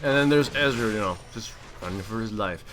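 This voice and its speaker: With music playing in the background, a low-voiced gamer talks fairly quickly through his gameplay, giving wry, casual commentary with mild swearing and trash talk. The home recording is clearly noisy.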